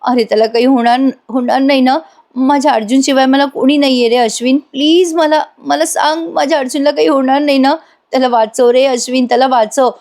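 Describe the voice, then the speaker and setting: A woman's voice: on the high side, flat delivery, slow, warm tone. A woman voicing an anxious young man, pleading emotionally with a friend, as part of a serial recap.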